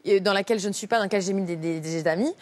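A woman's voice: mid-range voice, rapid-fire. A woman comedian telling a funny anecdote as a talk show guest, laughing often and acting out the people in her story. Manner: lively, laughs often, acts out quoted voices.

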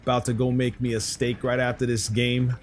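A man's voice: mid-range voice, level tone, fairly quick. Cocky, taunting man over game noise. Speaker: gaming streamer playing as the killer. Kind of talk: gameplay commentary with taunting.

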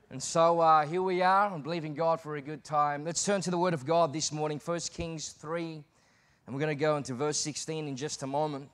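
This is a guest preacher, an Australian man in his thirties, standing at a church pulpit and talking into its microphone. His slightly high, fairly bright voice keeps a steady tone at a moderate pace as he moves from casual conversation to emphatic preaching.

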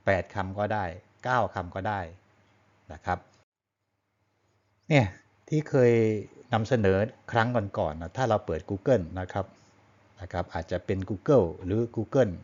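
Low-voiced male teacher explaining patiently. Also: measured pace, long pauses, lo-fi sound. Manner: patient and explanatory, ends phrases with polite particles. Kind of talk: classroom-style lesson on Thai poetry.

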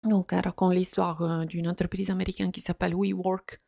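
A woman hosting a soft-spoken ASMR chat, speaking hesitantly in non-native French with slips and frequent fillers. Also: fairly low pitch, level tone, brisk, creaky, dry recording, clean studio sound. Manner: hesitant, many fillers and restarts. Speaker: ASMR channel host.

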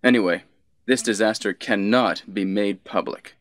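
In stilted cutscene delivery, an actor voices a cold, scheming villainous commander in a video game, sounding deliberate, condescending, and menacing. His natural voice sits on the low side, recorded at studio quality with no echo.

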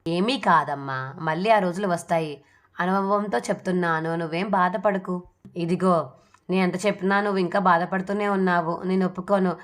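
A woman reading the part of a kind elderly grandmother who gently soothes and coaxes her family. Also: on the low side, fairly even intonation, moderate pace, close to an everyday voice. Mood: soothing.

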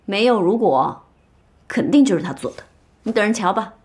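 A young actress playing a spirited, outspoken young woman who talks briskly and teases in a period TV drama. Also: mid-range voice, natural voice. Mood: lively. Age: young adult. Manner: brisk, lively and teasing. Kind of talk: dubbed TV drama dialogue.

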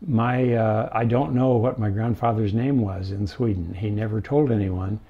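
An older man telling stories from his life in an interview, halting often with fillers. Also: lowish voice, steady tone, breathy edge, narrow, tinny audio. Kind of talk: casual storytelling.

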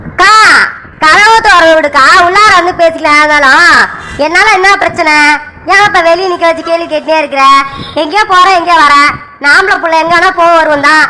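A woman's voice: extremely high pitch, fairly quick, sharp tone. A woman voicing a brash, idle young village man who argues and whines as he demands to be let into the house. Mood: pleading. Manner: whiny, demanding, argumentative. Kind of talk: cartoon voice acting.

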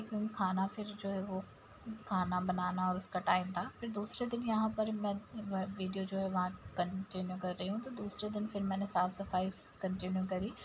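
A woman's voice: mid-range voice, slight background noise, low-quality recording. A woman with an Indian accent narrating her home vlog to viewers in a chatty, step-by-step way. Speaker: vlogger. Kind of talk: casual vlog voice-over.

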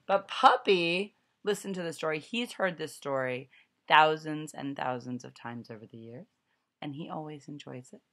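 Recorded on a webcam held at arm's length, a middle-aged storyteller sits in a small, furnished home room reading a picture book to children. She has a deep voice with a touch of brightness.

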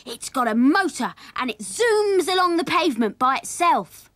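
A woman's voice: fairly high pitch, big pitch swings, normal speed, sharp tone, dry recording, pitched above the performer's own voice. A woman voicing a small, boastful, imaginative boy, speaking. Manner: boastful, insistent.

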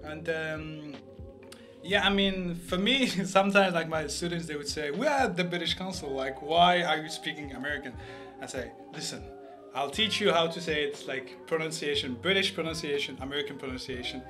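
A man's voice: on the high side, normal speed, sharp tone, soft background music. Algerian man with a hesitant, laughing voice. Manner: hesitant, many restarts, laughs often. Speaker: podcast host, English teacher. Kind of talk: casual interview chat.

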